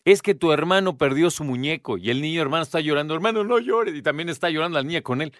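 A man's voice: fairly high pitch, fast talker, fairly bright tone, no room sound, studio quality. A middle-aged man with a Mexican accent, talking casually to the listener as a podcast host. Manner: acts out children's voices in anecdotes.

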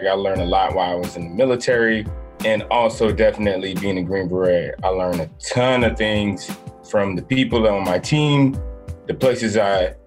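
A middle-aged man, a retired veteran, answering interview questions in an easygoing, slightly halting way. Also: lowish voice. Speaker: podcast guest, veteran.

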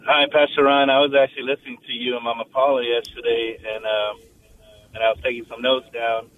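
A man's voice: medium pitch, level tone, a little fast. Man calling in on a tinny phone line. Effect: heard over a phone line. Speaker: caller to a radio show. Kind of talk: call-in question.

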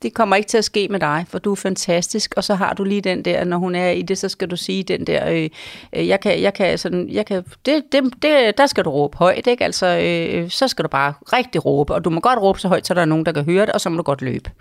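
A woman's voice: on the low side, gravelly, dry recording, clean studio sound. A woman giving parenting advice on a call-in show, talking in long reassuring run-ons that keep checking in with the listener. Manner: rambling, reassuring, frequent tag questions. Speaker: parenting advisor.

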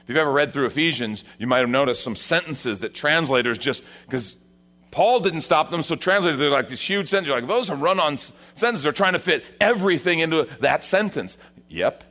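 A man, the senior pastor of a church, preaching a sermon at a pulpit microphone in a conversational way, rising for emphasis and dropping low for quieter points. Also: expressive, a little fast.

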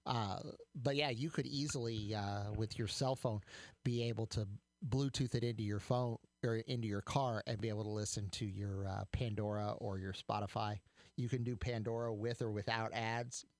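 A man's voice: lowish voice, steady tone, moderate pace, no room sound. A man co-hosting a tech talk radio show, chatting casually with many fillers and restarts. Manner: chatty, hesitant with fillers and repeats.

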